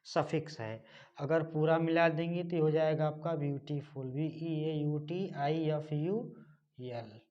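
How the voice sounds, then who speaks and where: A man's voice: a little high, steady tone. A man teaching a classroom lesson, spelling words letter by letter, repeating phrases and quizzing his students. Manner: slow, deliberate dictation. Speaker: English teacher. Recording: dull lo-fi recording.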